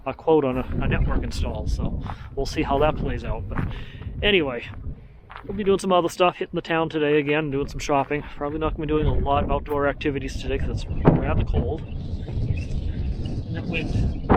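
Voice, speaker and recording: Male travel vlogger, a touch high in pitch, informal and easygoing, wanders as he talks. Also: background noise. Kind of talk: casual vlog chat.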